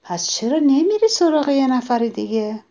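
Friendly little ladybug in a kids' tale, voiced by a woman: even-tempered, soft, unruffled. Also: sits high, pitched above the performer's own voice. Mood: calm. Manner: calm, gentle and even. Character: good-natured calm ladybug, small and friendly.

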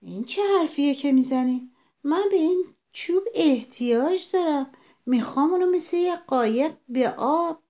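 A woman's voice: low voice, lively intonation, warm tone, muffled recording. A woman voicing an eager male frog who daydreams and then protests indignantly.

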